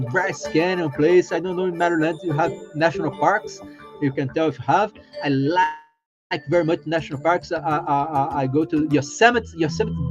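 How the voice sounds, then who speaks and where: A man's voice: sits high, highs cut off. A Brazilian man speaking English with a Brazilian Portuguese accent, hosting a casual live stream. He rambles and repeats himself, with many fillers. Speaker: livestream host.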